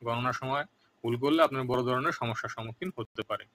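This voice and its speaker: Guy teaching a language lesson, bright clear tone, slow and repeats every word twice. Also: medium pitch.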